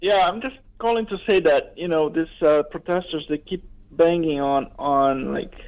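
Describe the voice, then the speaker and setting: A man calling a radio phone-in, chatting casually and haltingly with many fillers over a phone line. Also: on the high side. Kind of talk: casual chat. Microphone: telephone call.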